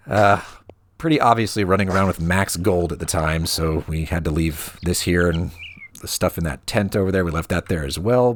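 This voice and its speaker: A man casually commentating a video game he is playing, thinking aloud in a relaxed, wry way. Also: sits low. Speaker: let's play host. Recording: audible rain noise behind voice.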